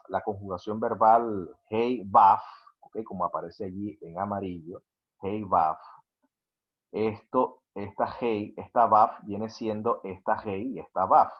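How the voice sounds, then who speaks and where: A man giving a slide lecture on Hebrew words, checking in with listeners through frequent asides, hesitating with fillers and spelling words out slowly. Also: on the low side, dull audio. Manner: hesitant, with many "eh" fillers and restarts.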